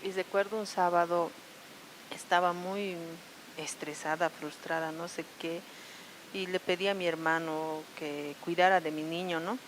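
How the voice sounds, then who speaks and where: A woman with a Bolivian accent from La Paz gives a personal testimony at a prayer service. She speaks in an earnest, halting way, often restarting and tagging her sentences with questions. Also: on the low side, fairly even intonation, a little hiss or hum, poor audio. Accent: Bolivian Spanish, La Paz. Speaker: church member giving testimony.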